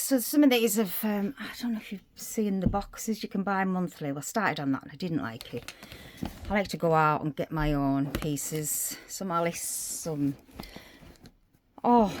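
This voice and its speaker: A woman's voice: fairly low pitch, a little hiss or hum. A woman giving a casual tour of her craft room, rambling as she lists her supplies, a little out of breath. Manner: chatty, rambling, listing items as she goes. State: slightly out of breath. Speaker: crafting vlogger. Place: small craft room indoors.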